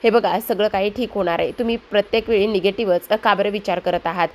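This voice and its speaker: A woman's voice: medium pitch, fairly even intonation, fast, lightly acted. A woman reading a soothing brother-in-law.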